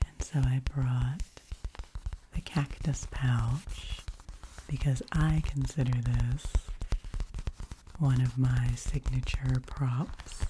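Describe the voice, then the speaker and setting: A woman softly whispering an unhurried ASMR ramble with finger tapping, very close to the microphone. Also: very deep voice, steady tone, noisy background. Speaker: ASMR channel creator and host. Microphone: very close microphone with cover off.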